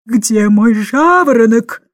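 Woman narrator voicing a stern old governess, loud and bossy, low for her. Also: dry recording, studio quality, lightly acted. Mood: furious. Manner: booming, indignant, slow emphatic shouting.

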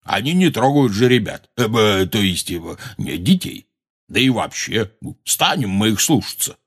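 A man voicing a huge, stubborn gamekeeper in an audiobook, with a gruff, blustering way of talking. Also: lowish voice, expressive, unhurried, exaggerated voice. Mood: careless.

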